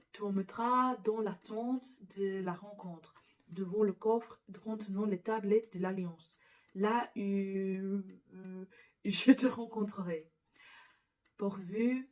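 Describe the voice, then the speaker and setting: A woman with an English accent, a native English speaker, reading scripture aloud carefully and haltingly, stumbling and restarting on words. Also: medium pitch, darkish tone. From England. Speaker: Bible reader.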